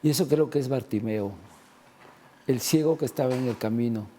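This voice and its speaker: A man's voice: mid-range voice, normal speed, warm tone, slight background noise. A man in a conversational religious talk, discussing faith and healing and retelling gospel scenes with acted-out quotes.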